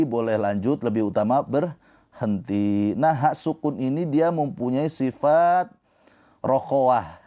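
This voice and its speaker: Over a livestream, a man whose mid-range voice is dark in tone slowly explains the rules of Quran recitation and then chants verses in a prolonged, melodic manner. The audio has its high frequencies cut off.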